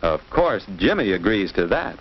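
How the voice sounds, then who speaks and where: Through the muffled noise of an old 1950s film soundtrack, an American man narrates a scripted instructional film for children. His voice sits low with big pitch swings at normal speed, and he teaches didactically, asking questions of the young listeners.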